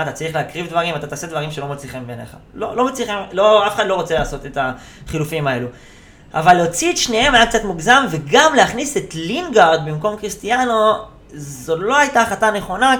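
A man's voice: high voice, a bit bright. A man hosting a solo podcast, ranting casually and animatedly about football, with many hesitations and fillers. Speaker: podcast host.

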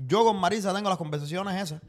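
A man talking fast and emphatically in a relaxed podcast conversation. His voice sits a little high, and he often repeats quick agreements back to the other speaker. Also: crowd noise. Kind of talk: casual chat.

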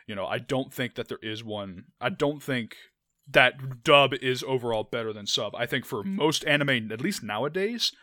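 Bright-voiced young man chatting about anime. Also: mid-range voice, lively intonation, normal speed, no room sound, studio quality. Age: young adult. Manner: rambling, many restarts and "like" fillers. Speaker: podcast co-host. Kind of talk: casual anime chat.

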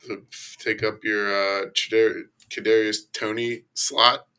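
A man with a croaky, hoarse voice and creaky starts, chatting casually and bluntly as a fantasy sports podcast guest. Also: fairly low pitch, little pitch movement, measured pace, sharp tone. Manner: blunt, profane. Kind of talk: casual fantasy football chat.

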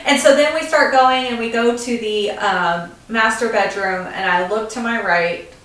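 A woman's voice: on the high side, normal speed, fairly bright tone, distant mic. A woman in her thirties co-hosting a podcast, telling stories in casual chat and laughing easily. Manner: chatty storyteller, laughs easily. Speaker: podcast co-host. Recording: echoey room, off-mic.

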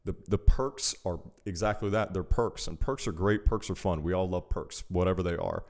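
A man hosting a podcast, chatting casually and getting animated when he stresses a point. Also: low voice, normal speed. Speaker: podcast host. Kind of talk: casual chat.

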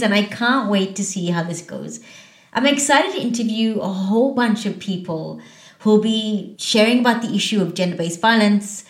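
A young adult woman hosting a podcast, born in northern England and raised in India, talking earnestly and from the heart. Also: mid-range voice. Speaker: podcast host. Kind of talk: solo podcast introduction. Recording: roomy echo.

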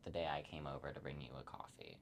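A man's voice: a bass voice, steady tone, quick pace, a little hiss or hum. A young man co-hosting a podcast in casual chat, chiming in with short remarks and backing up the story. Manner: chimes in with short echoing remarks. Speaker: podcast co-host.

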